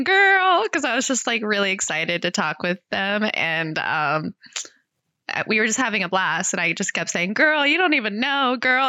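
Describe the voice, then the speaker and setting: A woman co-hosting a podcast in casual chat, chatty and quick with asides, laughing often. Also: medium pitch, sharp tone, no echo. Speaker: podcast co-host.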